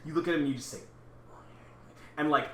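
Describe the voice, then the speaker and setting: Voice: medium pitch, quick pace. A game master casually narrating a tabletop role-playing game, peppering the narration with "like". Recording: echoey room with clear background noise.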